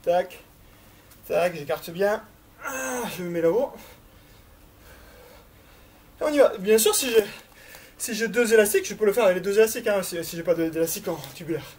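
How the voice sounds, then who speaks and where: A woman's voice: medium pitch, a little fast, a little mellow. A woman coaching a workout in a chatty, encouraging way, counting reps aloud and exerting herself as she talks. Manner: chatty, encouraging, thinking aloud with little filler sounds. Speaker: fitness instructor leading a workout.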